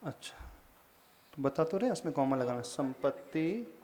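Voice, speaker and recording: A man's voice: mid-range voice, lively intonation, moderate pace, a little mellow. A man, a monk, leading a scripture class, chanting verses and patiently correcting his listeners' pronunciation. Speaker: Jain monk teaching scripture. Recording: long hall reverb.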